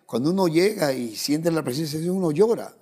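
A man's voice: on the high side, animated, fairly quick, darkish tone. A man with an Ecuadorian Spanish accent, a pastor leading a church testimony interview in a preacherly way, quoting scripture and guiding his guest.

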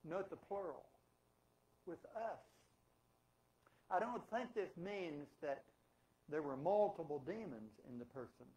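High-voiced preaching man. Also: darkish tone, rough recording. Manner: emphatic preaching with rhetorical questions. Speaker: pastor. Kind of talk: sermon. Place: church sanctuary.

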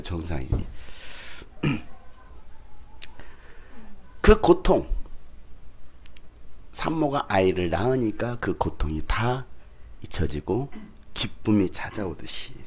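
Male pastor, middle-aged, sermon, very animated pitch, storytelling with acted voices, faint background noise. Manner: animated, acts out voices with shouts and laughter. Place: church sanctuary.

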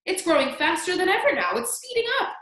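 A woman voicing a mean, bossy, excitable aunt in a storybook reading, exclaiming and scolding. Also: on the high side, a little slow. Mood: excited shouting. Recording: echoey room.

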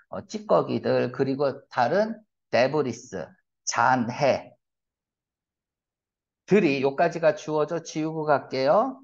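A male English teacher lectures a class on reading comprehension, his gravelly voice jumping up and down in pitch as he explains. He keeps asking rhetorical questions and drops blunt, slangy asides. The recording sounds dull and lo-fi.

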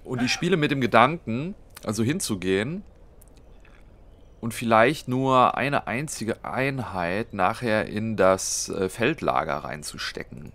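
In casual gameplay commentary, a let's play host with a cold muses through a strategy game, laying out his moves step by step amid frequent fillers. His fairly low, fairly bright voice is animated yet unhurried.

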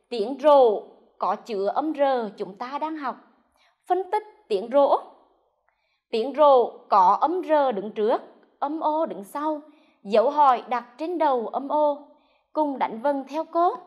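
A woman primary school teacher from central Vietnam giving a televised first-grade lesson, pronouncing sounds clearly and slowly for young children. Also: sits high, expressive, lo-fi sound. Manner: slow, clear, drawn-out enunciation for young children.

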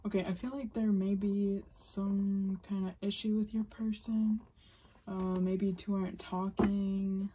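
Slow, soft-spoken woman reading tarot. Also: mid-range voice, flat delivery, breathy edge. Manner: soft-spoken, often drifting into whispers; musing, unhurried. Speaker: tarot reader. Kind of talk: pick-a-card tarot reading.

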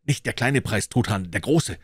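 A man's voice: fairly low pitch, lively intonation, moderate pace, fairly bright tone, slightly rough, dry recording, studio quality. A man voicing an overjoyed old male miser, exclaiming giddily in a storybook reading. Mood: eager. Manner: exclaiming, breathless and giddy.

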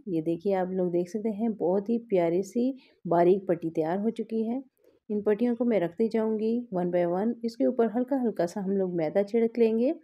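In a muffled recording, a woman with a medium-pitched voice walks through a recipe one step at a time. A cooking vlog host at her home kitchen counter, she stays patient, describing each step as her hands work.

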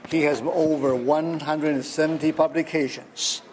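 A man introduces a speaker at a hotel conference, reading slowly and haltingly. He stops often on uhs and clears his throat. The hall rings with a long reverb and faint noise. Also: on the high side, steady tone. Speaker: session chair introducing speaker. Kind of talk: formal introduction.

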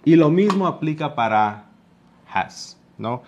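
A man's voice: fairly high pitch, expressive, takes it slowly, darkish tone, a little hiss or hum. A male English teacher with a Mexican Spanish accent, patiently explaining grammar in a live online class and drawing out his examples.

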